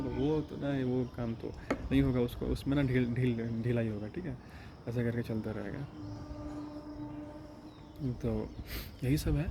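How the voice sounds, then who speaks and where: A man who teaches yoga courses, talking in a rambling casual monologue and retelling phone calls in quick quoted bits. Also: mid-range voice, very noisy.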